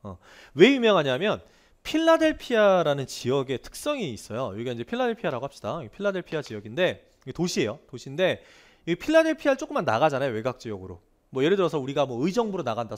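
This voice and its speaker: A man giving a grammar lecture, keeping up a steady stream of rhetorical questions and repeating key words for emphasis. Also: a little high, fast. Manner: animated, asks students frequent rhetorical questions. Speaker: English grammar teacher. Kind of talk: lively online lecture.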